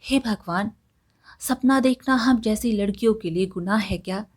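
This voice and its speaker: A woman's voice: mid-range voice, moderate pace, slightly rough, natural voice. Woman doing a weary young daughter-in-law. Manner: tired, pleading.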